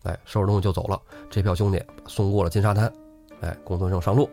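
A man's voice: sits low, steady tone, fast, vocal fry, dark tone, soft background music. A man hosting a casual storytelling podcast, chatty and laughing often as he acts out the characters. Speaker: host storyteller.

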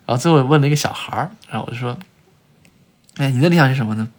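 A man as a podcast guest, telling travel stories in an animated way, with frequent filler sounds and restarts. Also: medium pitch, very fast. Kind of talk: conversational storytelling in a podcast interview.

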